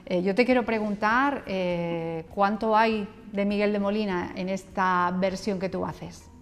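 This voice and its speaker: A woman's voice: mid-range voice, steady tone, measured pace. Woman interviewer in a reverberant room. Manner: warm, conversational questioning with fillers. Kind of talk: local TV interview. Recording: long hall reverb.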